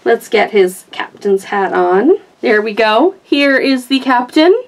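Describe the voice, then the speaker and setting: Speaking slowly in a fairly high, animated voice, a woman reviews a toy, chatting casually and gushing with enthusiasm as she unboxes and shows it off.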